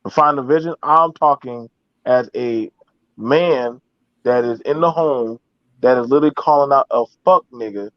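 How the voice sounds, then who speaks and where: A man's voice: on the high side, dry recording, dull audio. A man in a casual, heated online discussion, speaking emphatically and repetitively with heavy swearing.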